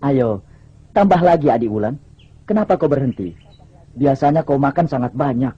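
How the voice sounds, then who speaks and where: A man's voice: medium pitch, moderate pace, lo-fi sound, slight background noise, lightly acted. A man playing a composed, coaxing young warrior and elder brother in an old radio drama, theatrical in delivery. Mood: teasing. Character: calm, teasing elder-brother warrior, twenties.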